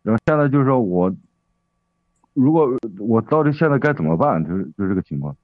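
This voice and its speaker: A man with a low voice phones in to a radio advice program, rambling and hesitant, full of fillers and restarts. He talks fast over a tinny phone line. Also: sing-song, no echo. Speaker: caller. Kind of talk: phoning in to a radio advice show.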